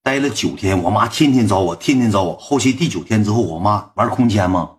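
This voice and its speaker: A young man with a Northeast Chinese accent, telling a story to his viewers in a slangy, swearing, animated way with lots of repeated asides. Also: fairly low pitch, brisk. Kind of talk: storytelling to a livestream audience.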